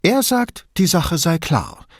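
A man's voice: huge pitch swings, slow, no room sound, clean studio sound, heavily acted. A man playing a fussy, timid office bureaucrat. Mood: fussy, submissive. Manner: pedantic, submissive, raised pitch.

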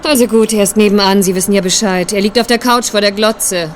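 A woman playing a brisk, tart shop assistant. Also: medium pitch, steady tone, natural voice. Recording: street noise behind.

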